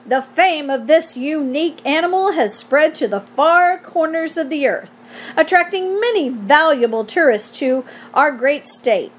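Woman putting on a pompous, high-pitched fairground announcer. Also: animated, a little slow. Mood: pompous, proud. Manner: pompous, formal, grandly declamatory. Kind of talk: storybook read aloud.

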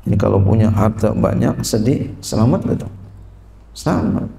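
A man's voice: fairly low pitch, normal speed, gravelly, dark tone, reverberant. A man teaching an Islamic religious text, reading and translating Arabic lines, speaking casually and jokingly with repetitive lists and slang.

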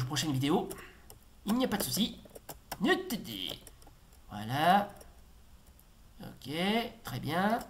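Man, retro gamer doing live commentary; rambling, filler-heavy, bursts of repeated warnings, faint noise and key clicks behind. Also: a little high. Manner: rambling, many fillers and repeated exclamations while playing. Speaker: retro game reviewer. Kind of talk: casual gameplay commentary.

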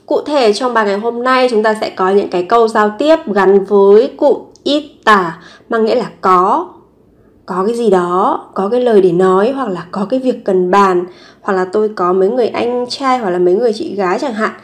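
A woman's voice: medium pitch, normal speed. A woman teaching a language lesson, explaining step by step and repeating each example sentence several times.

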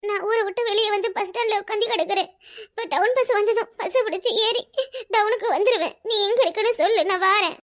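Woman doing a scolding village wife, grumbly, shrill, rushed, tirunelveli tamil accent. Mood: tearful. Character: shrill village wife, fretful and sharp-tongued. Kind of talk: cartoon voice acting.

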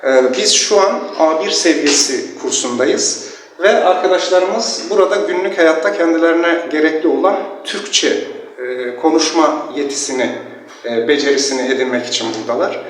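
Male teacher, slightly high pitch, pausing spontaneous explanation, picked up from a distance in a reverberant room. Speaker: language teacher. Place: classroom indoors. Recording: echoey room, distant mic, faint noise.

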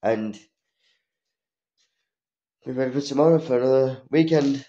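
A young man chatting casually to viewers in a vlog, low-key and halting, under the weather with a cold. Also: mellow, a little hiss or hum. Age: young adult. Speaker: vlogger. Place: small room at home. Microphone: phone at arm's length. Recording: dull lo-fi phone audio.

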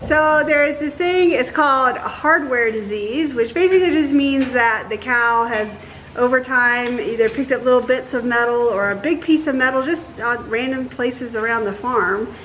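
A woman in her thirties, a dairy farmer co-hosting a casual farm vlog, explaining things in a relaxed way with fillers, filmed in an open barn by a nearby camera. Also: a little high, normal speed, slight background noise, poor audio. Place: open-sided barn outdoors.

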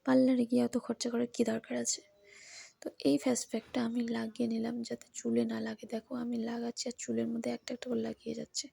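A woman giving a casual beauty tutorial at home in the early morning, speaking softly and often whispering so as not to wake anyone. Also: on the high side, monotone, brisk, creaky, breathy edge, no room sound. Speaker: beauty vlogger.

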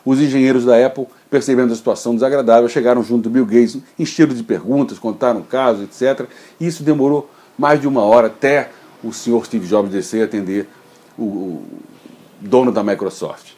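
A man's voice: mid-range voice, a little fast, mellow. A man in his forties hosting a daily tech news video from his home office, talking informally and gesturing, recorded on a desk webcam.

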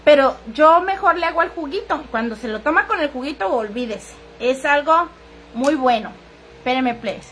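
Chatty high-voiced woman livestreaming. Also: lively intonation, moderate pace, fairly bright tone, slight background noise. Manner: earthy, crude, chatty, reads viewers' comments aloud. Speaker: livestream seller. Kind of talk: casual livestream chat.

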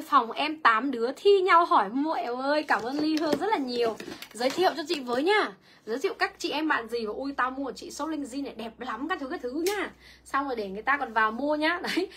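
Young woman doing a clothes livestream, high bright voice, talks super fast, reads out comments. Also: breathy edge. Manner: chatty, rapid, reads viewer comments aloud. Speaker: online clothing seller. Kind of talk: livestream sales pitch.

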